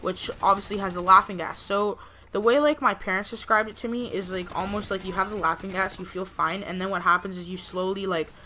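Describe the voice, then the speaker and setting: A woman's voice: medium pitch, steady tone, a little fast, bright, forceful tone, slight background noise. A young woman telling a personal story in a casual, rambling way, peppered with filler words like "like" and "you know". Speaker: gameplay video creator. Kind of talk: casual storytelling over gameplay.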